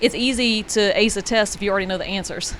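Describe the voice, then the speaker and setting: A woman's voice: mid-range voice, fast talker, a bit bright, a little hiss or hum. A woman coach explaining a point on a casual fitness podcast, thinking aloud with "um" and "uh" as she goes.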